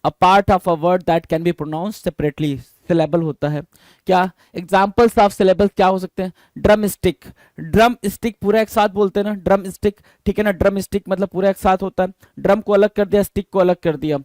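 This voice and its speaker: A man's voice: sits high, steady tone, darkish tone, dry recording, studio quality. A man teaching a vocabulary lesson for exam prep, quizzing students and spelling words out letter by letter. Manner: reads English definitions slowly.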